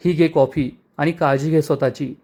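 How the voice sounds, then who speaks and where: A man's voice: on the high side, steady tone, normal speed, darkish tone, husky. A man voicing a stern, scolding older aunt in a retold TV serial, talking sharply.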